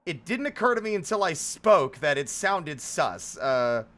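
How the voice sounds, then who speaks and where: His voice on the high side and sharp, a man hosting a livestream talks to viewers at a measured pace yet very animated, playfully meandering among hellos and exclamations in a theatrical, casual manner.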